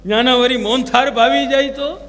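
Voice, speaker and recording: A religious preacher gives a devotional sermon in a very high-pitched, slightly bright voice, brisk and steady in tone. He tells stories and puts rhetorical questions to his listeners. Long hall reverb and faint music fill the recording.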